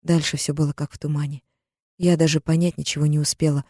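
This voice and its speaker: A woman's voice: deep voice, flat delivery, fast talker, darkish tone, husky, dry recording, studio quality. A woman reading a first-person audiobook in a tense, dramatic storytelling manner. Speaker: audiobook narrator. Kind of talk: first-person scripted narration.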